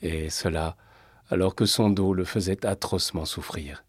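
Brief: a man reading a storybook aloud, steady, low and husky, dry close sound. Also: normal speed, no room sound. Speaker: narrator. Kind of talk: storybook narration.

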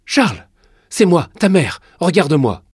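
A man's voice: on the low side, animated, moderate pace, breathy edge, dry recording, studio quality. A man voicing a commanding, protective queen mother, urgent and resolute, in a storybook reading.

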